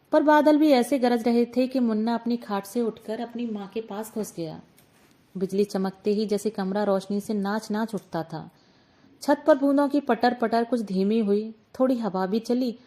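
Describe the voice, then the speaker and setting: A woman reads a short story aloud in measured, expressive scripted narration. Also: mid-range voice.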